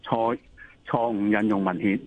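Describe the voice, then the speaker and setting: A man's voice: on the low side, little pitch movement, measured pace. Male expert interviewee on a thin, slightly noisy phone connection, Hong Kong Cantonese accent, instructive, repeats key points. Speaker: interview guest, occupational health expert. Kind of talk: explanatory interview answers. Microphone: telephone call. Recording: tinny phone line with noise.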